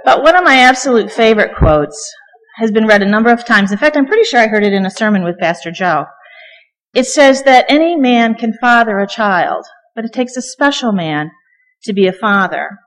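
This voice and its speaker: A middle-aged woman preaching a conversational sermon from the pulpit, chatty and joking, with frequent ums. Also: mid-range voice. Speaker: guest preacher. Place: church sanctuary. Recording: long reverb of a church hall.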